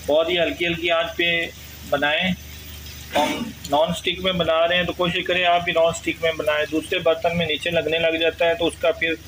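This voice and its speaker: Bright-voiced man teaching a recipe. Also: a little high, a little hiss or hum, rough recording. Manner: friendly instructional, addresses viewers as friends. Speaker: cooking channel host. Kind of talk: cooking tutorial. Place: home kitchen.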